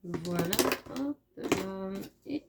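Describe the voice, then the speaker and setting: A woman chatting casually through a craft tutorial, often correcting herself and filling pauses as she works. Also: medium pitch, expressive, heavy background noise. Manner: chatty, self-correcting, many fillers. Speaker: scrapbooking crafter.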